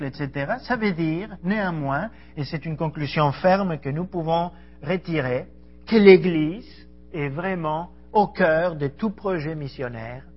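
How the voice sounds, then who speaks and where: A middle-aged Argentine man whose first language is Spanish preaches an earnest, conversational sermon to a congregation in a church hall, addressing the audience directly. He's a missionary preacher with a voice on the high side, and the recording sounds muffled.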